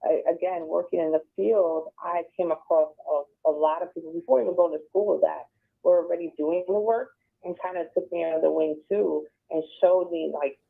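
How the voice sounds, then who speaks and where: A middle-aged woman from Buffalo, New York, speaking as a guest in a radio interview on a phone line, soft-spoken and reflective, with hesitant restarts. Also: on the low side, steady tone, moderate pace, vocal fry, husky. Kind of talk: conversational interview. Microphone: phone call.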